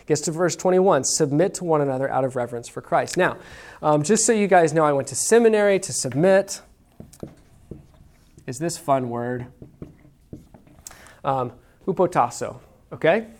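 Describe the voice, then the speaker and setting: A man's voice: on the high side, animated, moderate pace, long pauses, a little mellow. A man preaching a sermon to a congregation in a casual, conversational way, often checking in with "okay?". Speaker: pastor. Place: church room with congregation.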